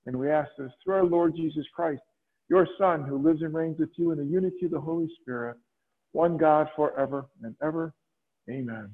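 Solemn priest on tinny church radio. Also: male voice, a little high. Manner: measured, solemn recitation. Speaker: priest leading Mass. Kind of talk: liturgical prayers and scripture reading. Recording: tinny radio broadcast in a long-reverb church.

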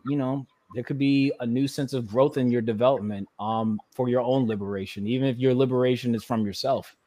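A man hosting a casual interview, loose and conversational, with lots of fillers and friendly asides. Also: mid-range voice. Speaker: host.

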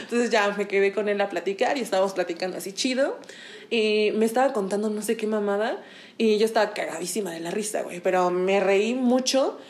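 A woman's voice: mid-range voice, brisk. A young woman with a Mexican accent, co-hosting a podcast and telling a story in a casual, slangy way, laughing often and acting out the people she quotes. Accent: Mexican Spanish. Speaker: podcast co-host.

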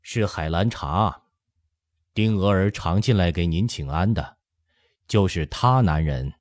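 A man's voice: very deep voice, a little slow, darkish tone, dry recording, clean studio sound. A man voicing a dutiful emperor speaking respectfully to his mother in an audiobook. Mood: deferential. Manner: deferential, explaining. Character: middle-aged emperor, dutiful, respectful son.

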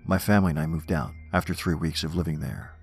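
A man giving a grave, drawn-out dramatic reading of horror stories and verse. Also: extremely low pitch, creaky, slightly rough. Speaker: narrator. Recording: music under the voice.

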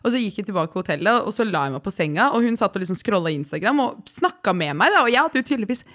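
A woman's voice: medium pitch, sing-song, fairly bright tone. A young woman co-hosting a casual podcast, rambling through stories and cutting herself off with digressions. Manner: rambling, self-interrupting storyteller. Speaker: podcast co-host. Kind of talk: casual chat.

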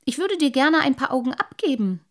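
Woman as a wheedling storybook fish with too many eyes, high and pushy. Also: very animated, a little slow, a little mellow. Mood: mocking. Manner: wheedling, mocking. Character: sly, gloating many-eyed fish, pushy and spiteful.

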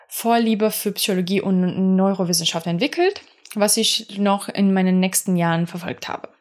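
A young adult woman who is not a native German speaker delivers a casual, rambling podcast monologue. Her voice is mid-range, and her talk is full of fillers and restarts.

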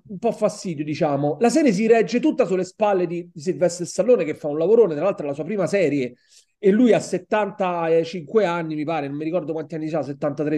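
A man's voice: high voice, warm tone. A man with an Italian accent co-hosting a podcast, chatting casually about a TV series and often repeating words while he searches for the next one. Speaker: podcast co-host. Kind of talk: casual film and TV review chat.

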